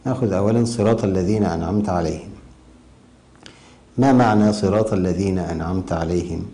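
A man teaching Quran recitation rules, slowly chanting examples of right and wrong pronunciation. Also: sits low, warm tone, rough recording. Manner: demonstrates recitation slowly, contrasting errors. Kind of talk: tajweed lesson.

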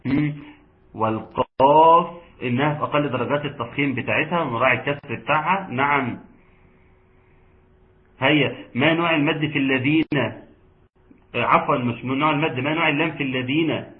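A man with an Egyptian accent teaching Quran recitation rules, chanting verses slowly and explaining quickly. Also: medium pitch. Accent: Egyptian Arabic. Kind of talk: online tajweed lesson. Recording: tinny online call audio.

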